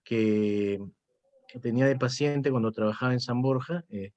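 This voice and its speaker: A man's voice: mid-range voice, moderate pace, darkish tone, no echo, dull audio. A man, a psychotherapist chatting reflectively and often tagging his sentences with "¿no?". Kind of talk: casual conversation.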